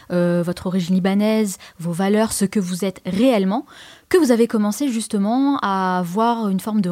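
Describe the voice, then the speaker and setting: A woman's voice: mid-range voice, mellow, no room sound. A woman hosting an interview, asking enthusiastic, leading questions. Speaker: interviewer, host.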